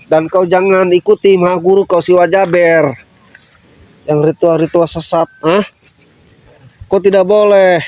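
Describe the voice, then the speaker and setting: Man, high voice, dry close sound, stern scolding vlogger, repeats his questions. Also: dry recording. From Lampung, Indonesia. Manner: stern, repetitive, demands loud answers. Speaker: vlogger confronting a stranger. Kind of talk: scolding interrogation on camera.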